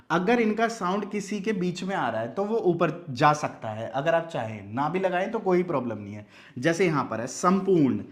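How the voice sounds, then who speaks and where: A man teaching Hindi spelling who keeps asking rhetorical questions to his students. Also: a little high. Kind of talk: classroom explanation.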